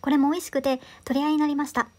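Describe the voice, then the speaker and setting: Brisk, high-voiced woman narrating a hotel tour. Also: level tone. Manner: upbeat, enthusiastic reviewing. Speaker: travel vlogger. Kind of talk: scripted voice-over narration.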